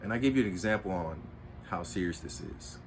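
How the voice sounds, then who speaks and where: A man's voice: sits low, lively intonation, brisk, background noise. A man hosting his own spiritual video, lecturing in an earnest, repetitive, preachy way. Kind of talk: monologue to camera.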